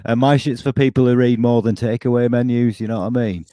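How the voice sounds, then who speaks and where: A man's voice: mid-range voice, steady tone, fast talker, dark tone, dry recording. A man, bantering casually in a dry, teasing way as a guest on a video call. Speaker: battle rapper, guest. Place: room at home, video call.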